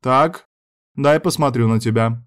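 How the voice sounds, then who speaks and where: A man voicing a stern, bossy older noblewoman who scolds and commands in a brisk way. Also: mid-range voice, pitched above the performer's own voice, natural voice.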